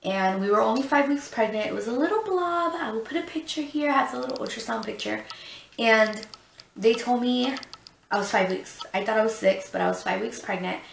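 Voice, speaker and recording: A young woman rambles through a personal story in a chatty vlog, full of fillers and restarts. Her voice has a gravelly edge. She sits a little back from the mic in a roomy, echoey space. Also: on the high side, sing-song, a little fast, recorded from a distance, slight background noise. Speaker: vlogger. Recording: roomy echo, voice a bit off-mic.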